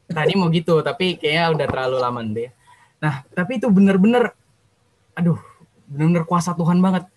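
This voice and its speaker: A young man tells his own story in a casual, lively and emotional way. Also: a little high, a little fast, pauses often, a little hiss or hum, rough recording. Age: young adult. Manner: lively, slangy, emotional retelling. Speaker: youth sharing a testimony.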